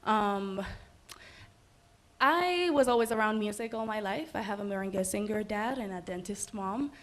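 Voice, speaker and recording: A woman's voice: medium pitch, lively intonation, moderate pace, a bit bright. A young woman from the Dominican Republic, a singer, chatting as a guest in a casual livestream interview, bubbly with many ums. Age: young adult.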